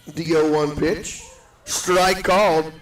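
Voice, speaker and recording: A man calling a softball game live in a steady, matter-of-fact way, his voice ringing with a cave-like echo. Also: a little high, takes it slowly, far from the mic. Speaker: play-by-play announcer. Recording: echoey booth, set back from the mic.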